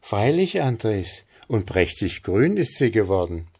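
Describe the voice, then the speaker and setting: A man's voice: lowish voice, very animated, takes it slowly, darkish tone, breathy edge, heavily acted. A man voicing a spirited young village girl in a storybook reading. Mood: excited.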